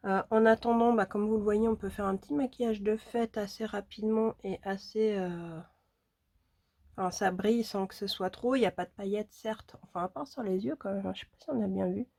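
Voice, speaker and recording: A woman beauty vlogger chats about makeup with her viewers, casual and enthusiastic, full of fillers. Her mid-range voice is warm with vocal fry, fairly even in intonation and a little fast.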